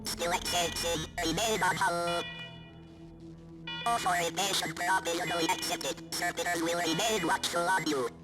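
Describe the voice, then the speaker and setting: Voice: medium pitch, fairly even intonation, normal speed. An actor voicing a hostile security robot that guards an old bunker, with a robotic filter and stiff, clipped announcements, from a video game. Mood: formal. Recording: game audio under loud music. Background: loud game music.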